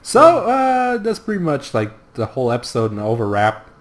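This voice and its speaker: Jokey man with a lively voice. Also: mid-range voice, moderate pace. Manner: swearing, jokey, acts out characters. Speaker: podcast co-host. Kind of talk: casual TV recap chat.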